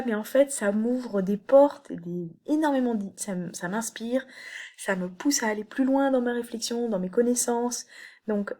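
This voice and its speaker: Female teacher, recorded video lesson, slow and careful delivery, frequent hesitations. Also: a little high, darkish tone. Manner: slow, explanatory, with many fillers and restarts. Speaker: university teacher. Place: home, late evening.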